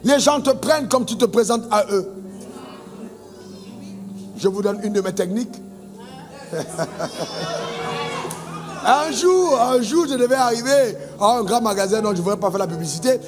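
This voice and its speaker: A man's voice: very high voice, expressive, fairly quick. A man from Côte d'Ivoire preaching a sermon as a pastor, emphatic, telling stories and calling on the congregation for amens. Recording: long reverb with faint music.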